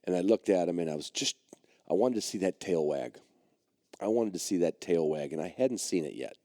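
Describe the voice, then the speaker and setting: A middle-aged man with a low, mellow voice tells a long personal story on his podcast. He rambles, circling back with plenty of fillers and restarts. The sound is dry and close. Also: lively intonation, a little fast, no room sound. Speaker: podcast host and dog trainer.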